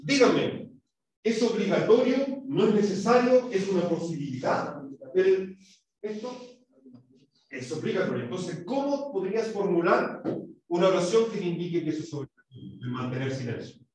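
Chilean male teacher, lively voice, questioning, drilling pronunciation, echoey classroom. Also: sits high, normal speed. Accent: Chilean Spanish. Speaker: English teacher. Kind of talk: classroom lesson. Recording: echoey room, mic far off.

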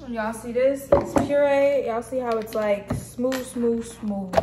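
In an echoey home kitchen with noticeable background noise, a young American woman casually shows viewers how to cook. Her voice is a little high with fairly even intonation and a slow pace, and she talks in an informal, chatty way full of folksy slang.

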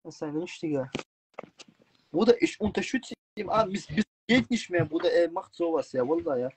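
A man's voice: a little high, expressive, normal speed, slightly rough, dry recording. A man chatting casually on a phone livestream in blunt street slang with Arabic interjections. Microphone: phone, video call livestream.

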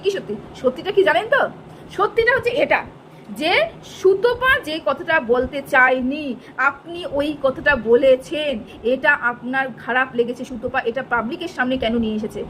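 A woman's voice: high voice, fairly bright tone, a little hiss or hum. A middle-aged woman answering her critics to camera in a heated monologue. She is sarcastic and argumentative, and she keeps firing the same rhetorical questions.

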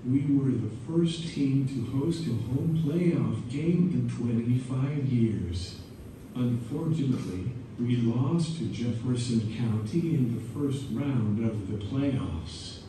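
A man's synthetic text-to-speech voice giving a scripted motivational pep speech in a measured, machine-like delivery, played through a speaker in a large room. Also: medium pitch. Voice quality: synthetic text-to-speech voice from an eye-controlled speech device. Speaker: motivational guest speaker, former high school quarterback. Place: large indoor school weight room. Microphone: device speaker picked up by far camera. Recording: echoey, noisy room, distant from camera.

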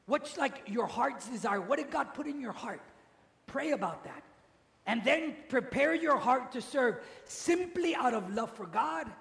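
A man's voice: extremely high pitch, creaky, a bit bright. A man, a priest, giving a teaching sermon in a large church and having the congregation repeat phrases after him. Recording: echoey church with long reverb.

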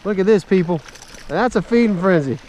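Excited kayak fishing host, slightly high voice. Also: male voice, brisk, slight background noise. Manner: animated, laughing, calls out to viewers. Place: on a kayak on an open lagoon outdoors. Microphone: action camera mounted on the kayak.

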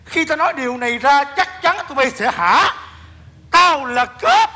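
An actor playing a bossy middle-aged man who poses as a robber, in a comic stage sketch, gruff and scolding. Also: extremely high pitch, animated, moderate pace, background noise. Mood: menacing.

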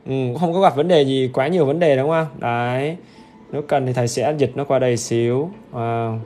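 A man with a medium-pitched, warm voice speaks at a moderate pace over slight background noise. He's running an English exam-review lesson on a livestream, upbeat and chatty, repeatedly checking in with his audience and urging viewers to comment.

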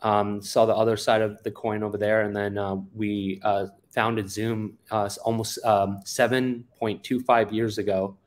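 A company founder in his forties from Afghanistan tells his background as an interview guest on a video call, with many ums and uhs. His voice is fairly low and flat, a little slow with few pauses, picked up by a webcam in an indoor office.

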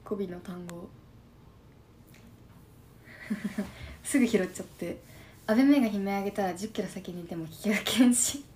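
A young woman in her twenties with a Shimane accent and a husky, slightly hoarse voice, chatting casually on a live stream. She reads viewer comments aloud and murmurs quick thank-yous between remarks. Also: mid-range voice, a little mellow. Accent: Shimane dialect. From Shimane, Japan. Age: 20s. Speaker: idol livestreamer.

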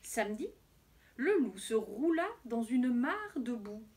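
A woman teacher reading a picture book aloud to children in an expressive storytelling voice. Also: on the high side, takes it slowly.

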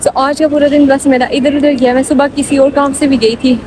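A woman's voice: high-pitched, little pitch movement, fairly quick, a little mellow, slight background noise. A young woman, vlogging while she walks through a big shopping mall, talking into a phone at arm's length in a chatty, rambling way. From Pakistan. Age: young adult. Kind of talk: casual walking vlog. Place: large indoor shopping mall. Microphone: phone held at arm's length. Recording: busy mall ambience behind.

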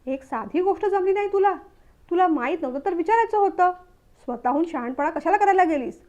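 A woman reading the part of a young newlywed husband who is short-tempered but caring, snapping when irritated and going soft when he apologizes. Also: high-pitched, animated, a little fast, muffled recording.

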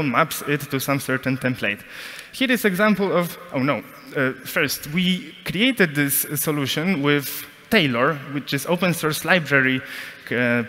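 A man's voice: on the high side, bright, forceful tone. A young man with a Polish accent, a non-native English speaker, giving a technical conference talk on a large stage, explaining step by step with fillers and self-corrections. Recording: long hall reverb.

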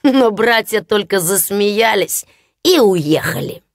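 A woman narrating a fairy-tale audiobook in an expressive storytelling manner. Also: medium pitch, slow pace, dry recording, clean studio sound.

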